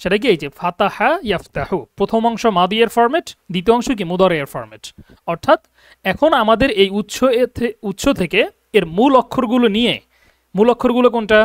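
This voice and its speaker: Brief: male online Arabic tutor, higher voice, close dry sound, keeps asking "got it?". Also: a little fast, no echo. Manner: explains patiently, often checks understanding with questions. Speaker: Arabic teacher. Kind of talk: online grammar lesson. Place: abroad in Egypt, teaching online.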